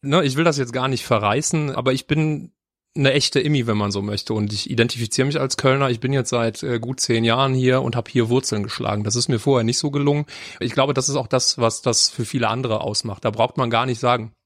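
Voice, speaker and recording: A man's voice: mid-range voice, steady tone, a little fast, dry recording. Earnest male guest, enthusiastic, dry studio sound. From Mönchengladbach. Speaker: guest, tour company co-founder. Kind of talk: casual podcast interview.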